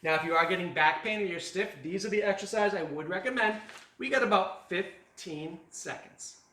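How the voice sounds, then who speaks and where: A man's voice: sits high, moderate pace, bright, forceful tone, reverberant, recorded from a distance. A man as fitness coach, leading a guided stretching class with jokes and countdowns. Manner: joking, upbeat instruction with counting. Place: fitness studio.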